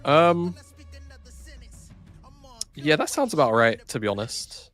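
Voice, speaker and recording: A man's voice: fairly high pitch, sing-song, takes it slowly, fairly bright tone, soft background music. A man, co-hosting a livestream and chatting casually with viewers. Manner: chatty, swearing, laughs often. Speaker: stream co-caster.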